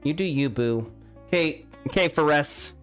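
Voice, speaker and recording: This young man's voice is fairly high and a bit bright, animated yet unhurried, as he casually streams himself building a game. He exclaims when things go wrong and restarts his thoughts mid-sentence, talking into a studio mic with a pop filter over faint background music.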